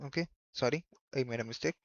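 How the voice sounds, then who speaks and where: A man giving a coding tutorial in a halting way, thinking aloud as he goes. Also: medium pitch, no room sound. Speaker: programming tutor. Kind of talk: screen-recorded coding tutorial. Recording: dull lo-fi microphone.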